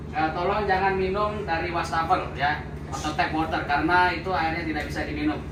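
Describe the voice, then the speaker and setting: Man giving a loose boat briefing. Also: a little high. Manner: loose, filler-heavy, says "ya" often. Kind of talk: casual spoken briefing. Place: aboard a dive boat, dining room. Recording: echoey, distant mic, noisy background.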